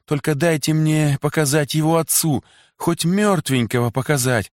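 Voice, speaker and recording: Grieving peasant mother, high shrill cries, dry close sound, voiced by a male reader. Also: moderate pace, no room sound, lightly acted. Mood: pleading.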